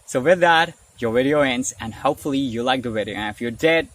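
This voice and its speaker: A speaking coach giving a casual online lesson, chatty, often asking "right?" and slowing down to model examples. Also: mid-range voice, a bit bright. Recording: distant mic with faint noise.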